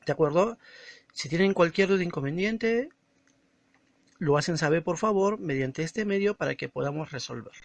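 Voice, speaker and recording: Male teacher, slightly high voice, slow and didactic, dry close recording. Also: animated, gravelly, dry recording. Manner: slow and didactic, stressing words and syllables. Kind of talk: recorded classroom lesson.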